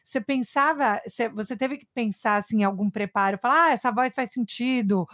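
A woman's voice: a little high, a little fast, a bit bright, no room sound, studio quality. A Brazilian woman in her thirties hosting an interview, enthusiastic and asking long, winding questions. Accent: Brazilian Portuguese. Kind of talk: casual interview chat.

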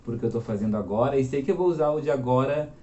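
A man in his twenties from Minas Gerais, talking as a guest in a casual interview and telling his story in a chatty, lively way. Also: mid-range voice, rapid-fire, echoey room, dull audio. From Minas Gerais, Brazil. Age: 20s.

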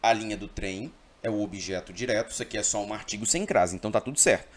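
A Brazilian man with a lowish voice talks fast while teaching a grammar lesson for exam prep. He is emphatic and constantly checks in with his listeners.

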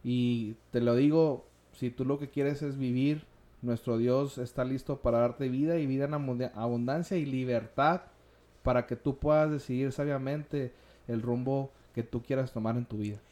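A man's voice: medium pitch, fairly even intonation, normal speed, mellow. A man hosting an interview, speaking earnestly about faith and often chiming in to finish his guest's sentences. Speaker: host.

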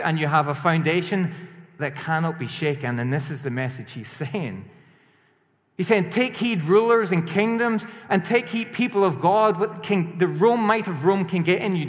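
A man preaching a sermon in a lively, emphatic way, rising to strong peaks and then dropping quiet. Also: high-pitched. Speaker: pastor. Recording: long hall reverb.

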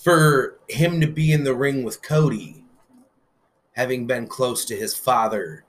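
A man's voice: medium pitch, unhurried. A man co-hosting a casual wrestling news chat, an eager fan who talks with lots of "um" fillers and the odd curse word. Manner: excited fan talk with frequent "um" fillers and some cursing. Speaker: podcast co-host.

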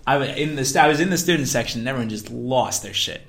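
A young man, a student fan, co-hosting a casual sports podcast, talking in a relaxed way with many fillers and restarts. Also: medium pitch, fast talker.

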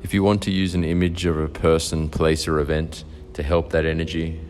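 Low-pitched male meditation guide, soft soothing delivery, long pauses, faint music behind. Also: flat delivery.

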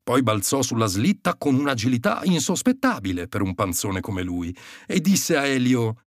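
A man narrating a children's story in an animated, expressive way on a close mic. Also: medium pitch, moderate pace, dry recording.

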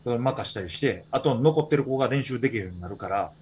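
A podcast host with a Kansai Japanese accent chats casually, telling rambling stories packed with fillers. His mid-range voice is expressive and fast, darkish in tone with a breathy edge.

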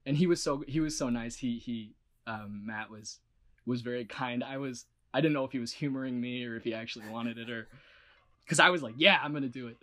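A man's voice: mid-range voice, a little fast, a bit bright. Rambling young-sounding voice actor guy. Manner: rambling, full of "like" and restarts; earnest and self-reflective. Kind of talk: casual interview talk.

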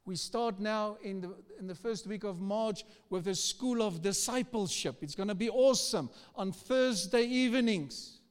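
A man's voice: high voice, normal speed, few pauses, smooth. A male pastor preaching an exhorting sermon like a pep talk, repeating questions and commands to his congregation. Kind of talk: rousing sermon exhortation, like a pep talk, calling for crowd response. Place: large reverberant church hall. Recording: long hall reverb.

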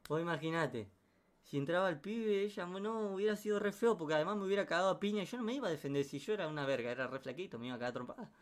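Argentine Rioplatense man, fairly high voice, slangy comic storytelling, sound effects and asides. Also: racing. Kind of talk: comic anecdote.

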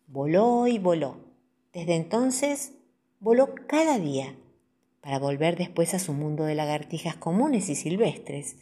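An Argentine woman narrating children's stories with a soft, expressive reading voice. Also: low-pitched. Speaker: storyteller.

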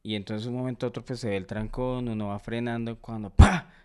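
A man's voice: medium pitch, little pitch movement, fast, a little mellow, smooth. A man with a Bogotá Colombian accent telling a story in a casual chat and giving slangy, friendly advice.

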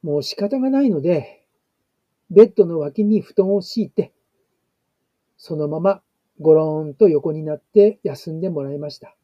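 Male narrator, husky and dark in tone, pitched fairly high; reads a home-care story slowly, with pauses, on a dull lo-fi track. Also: lively intonation, no echo. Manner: slow, measured reading with pauses. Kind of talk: reading a family blog story.

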